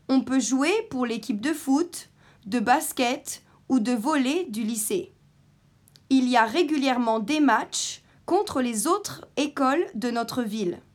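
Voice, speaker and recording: A woman reading a scripted text slowly and carefully in short phrases, as a model for learners. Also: on the high side. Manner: careful, evenly paced delivery in short phrases.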